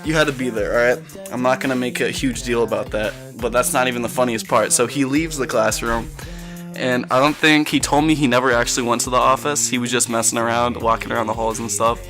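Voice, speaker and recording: A teenage guy recording casual commentary, telling a story in a rambling, slangy way with some mild swearing. His pitch is average for a male voice, and faint music plays behind him. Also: steady tone, fairly quick. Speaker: gameplay commentary video creator.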